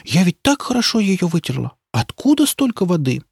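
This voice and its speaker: A male narrator voicing a fussy, kind elderly village woman who exclaims and frets in a high voice. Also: very animated, moderate pace, vocal fry, a little mellow, husky, no echo, studio quality, exaggerated voice. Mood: indignant.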